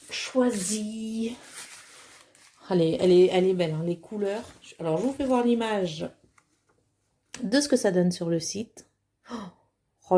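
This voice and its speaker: A woman with a medium-pitched, dark-toned voice, a crafting vlogger, unboxes a craft kit at home while chatting casually. She's hesitant, using many fillers, but clearly enthusiastic.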